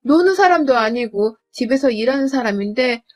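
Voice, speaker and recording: A woman's voice: high voice, animated, brisk. A woman narrating a first-person story, retelling events in an exasperated, indignant way.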